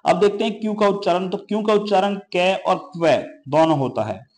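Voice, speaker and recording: A man's voice: high voice, lively intonation, brisk, a little mellow. A man teaching an English pronunciation lesson, explaining each rule and then listing example words one by one.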